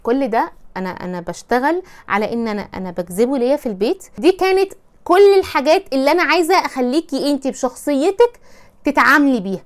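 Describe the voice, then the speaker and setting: Egyptian woman chatting advice fast, high voice, acts out bits in silly voices. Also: animated. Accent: Egyptian Arabic. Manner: chatty, acts out little scenes in mock voices. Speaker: advice presenter. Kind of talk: casual advice talk.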